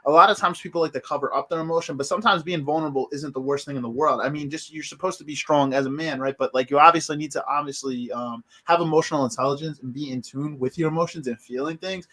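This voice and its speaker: A man's voice: a little high, quick pace, few pauses, sharp tone. A man co-hosting a podcast in casual chat, earnest and reflective. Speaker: podcast co-host.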